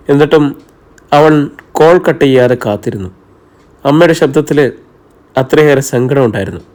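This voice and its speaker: A man narrating a serialized novel in a steady storytelling voice. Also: mid-range voice. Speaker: audiobook narrator. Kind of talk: novel reading.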